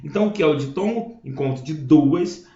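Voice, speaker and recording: Lively male teacher in an echoey room. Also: a little high, fairly quick. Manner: explains step by step, pointing things out and checking in with the listener. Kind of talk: classroom grammar lesson. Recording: echoey room, dull lo-fi sound.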